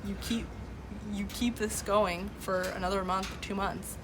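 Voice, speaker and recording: A livestream host whose first language is Farsi speaks in an unhurried, mid-range voice with fairly even intonation over a noisy background. Sitting in a home room with boxes behind her, she earnestly discusses current events and answers chat, often filling pauses and restarting.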